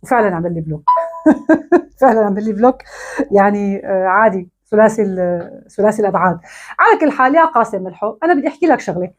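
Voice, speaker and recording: A woman's voice: medium pitch, animated, fast, pauses often. A woman with a Syrian Arabic accent, delivering a mocking, scolding monologue straight to camera. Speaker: online commentator.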